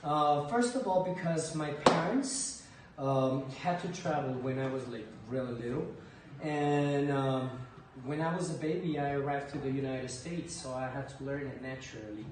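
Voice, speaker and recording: An Ecuadorian teacher in his thirties answers interview questions in a school library lined with bookshelves, relaxed and hesitant, often repeating words while he thinks. His voice sits in the mid range at a moderate pace. A camera across the desk picks him up from afar, so the room sounds echoey with faint noise.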